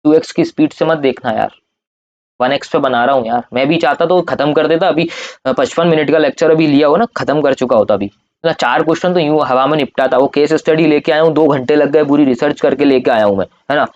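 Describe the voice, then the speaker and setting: A young man teaching an exam coaching lecture, drilling points by loud repetition in a coaxing, informal way, his throat strained from shouting. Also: fairly high pitch, a little fast, lo-fi sound. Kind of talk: Hindi-English coaching lecture.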